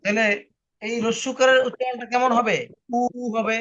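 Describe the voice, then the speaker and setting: A man's voice: very high-pitched, level tone, moderate pace, fairly bright tone, slight background noise. A man teaching a spoken language lesson, patiently explaining rules and repeating them for his student. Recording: muffled lo-fi online recording.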